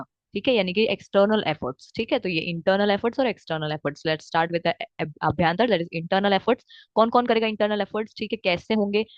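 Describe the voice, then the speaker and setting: A woman teaching a lesson, often pausing to check in with "theek hai" and reciting verses slowly. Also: fairly low pitch, no echo. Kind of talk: explaining lesson with Hindi-English mix. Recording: dry, slightly dull recording.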